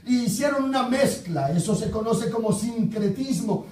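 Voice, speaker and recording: A man preaches a sermon in a fairly high voice, firing rhetorical questions that swing from loud outbursts down to low murmurs. He stands back from the microphone, and the room rings with echo. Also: lively intonation, normal speed, far from the mic. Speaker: pastor.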